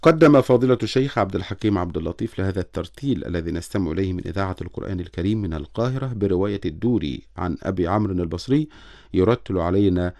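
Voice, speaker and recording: A man's voice: sits low, animated, very fast, vocal fry, a little mellow, no echo, studio quality. A man announcing a radio program in a formal broadcast style.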